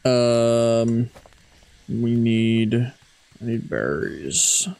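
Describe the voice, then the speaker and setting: A man's voice: medium pitch, expressive, very slow, creaky, darkish tone. A man streaming gameplay with casual chat, talking in a playful, sweary way. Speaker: gaming streamer.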